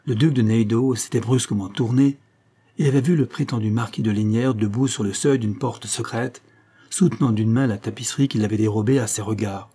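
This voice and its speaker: A man's voice: mid-range voice, fairly quick, dark tone, slightly rough. Man narrating a historical tale. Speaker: audiobook narrator.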